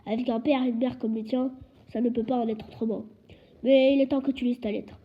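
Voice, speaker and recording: A woman voicing a huge, quick-tempered man with a loud, indignant, roaring way of talking, in a storybook reading. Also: fairly high pitch, fairly even intonation, slightly rough. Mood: gruff. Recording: dull lo-fi recording.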